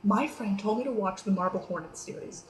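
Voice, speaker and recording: A young woman chats to her camera in a casual vlog, animated and storytelling, now and then dropping to a hushed whisper. Her voice is a little hoarse from a recent cough. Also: medium pitch, brisk, poor audio. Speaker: vlogger.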